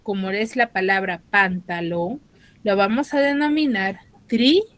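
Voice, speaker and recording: A woman's voice: mid-range voice, a bit bright. A woman teaching an online school class with a Peruvian Spanish accent, patiently explaining and checking that students follow. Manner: patient, checks understanding with tag questions, slows on key terms. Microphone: dry close mic, online class.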